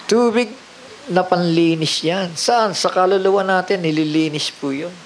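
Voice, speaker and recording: A man's voice: sits high, unhurried, low-quality recording. A man preaching a sermon, mixing in English phrases and often asking the congregation rhetorical questions.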